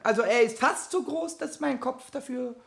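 A woman voicing a mischievous, boastful little male goblin in a radio play, with a high squeaky voice that stammers when caught out. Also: normal speed, vocal fry, echoey room.

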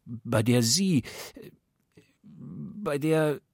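A jittery, fumbling company director halts and restarts as he speaks. His voice is gravelly and raspy, and it swings widely in pitch. The pace is slow and deliberate. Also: expressive, a little mellow, dry recording, clean studio sound, full character voice. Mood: nervous, pleading. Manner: halting, stumbling over his words. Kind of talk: radio play acting.

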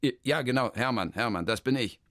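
A man's voice: medium pitch, a little fast, a bit bright, dry recording, clean studio sound, pitched above the performer's own voice, close to an everyday voice. A man voicing a flustered, stammering male concert pianist in a children's story. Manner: hesitant, stammering.

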